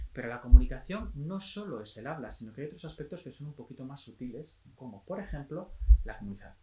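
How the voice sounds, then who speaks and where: A man working as a physiotherapist, giving a calm, explanatory health talk and restarting phrases now and then. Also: mid-range voice, reverberant, a little hiss or hum, rough recording.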